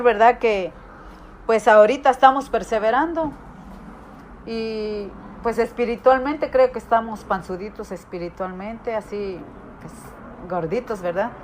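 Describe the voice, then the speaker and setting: A woman's voice: a little high, slight background noise. A woman preaching a sermon, telling personal stories and acting out quoted voices. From Guatemala. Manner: storytelling, acts out quoted voices. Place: church hall.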